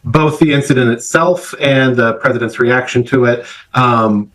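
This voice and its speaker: A middle-aged man speaks as an academic guest in a news interview, weighing his words carefully. His pitch sits in the middle range for a man. He pauses often with "uh" and "um" as he builds his points. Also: fairly bright tone, poor audio. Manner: measured, academic, many "uh" and "um" fillers. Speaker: political science professor, interview guest.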